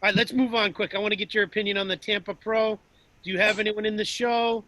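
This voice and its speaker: A man hosting a podcast, asking quick, brief questions in a casual interview. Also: high-pitched, little pitch movement, bright, forceful tone, no room sound, rough recording. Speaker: podcast host.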